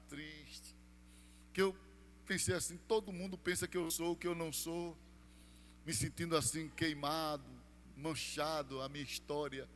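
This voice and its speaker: A Brazilian man, a pastor, preaching a sermon as a personal testimony, moving between quiet storytelling and loud, fervent passages. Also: fairly high pitch, big-room sound. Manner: storytelling testimony, swings from hushed to shouted. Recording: music playing behind.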